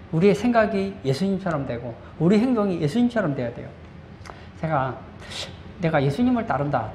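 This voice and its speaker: A man's voice: a little high, darkish tone. A male pastor preaching a sermon, posing rhetorical questions and answering them, repeating key phrases for emphasis. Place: church sanctuary. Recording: echoey room with faint background noise.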